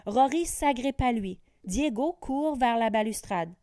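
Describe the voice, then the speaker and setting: A woman teacher reading a children's storybook aloud with clear, careful diction. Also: on the high side, measured pace, dry recording, studio quality. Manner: clear, careful diction with lively voices for characters.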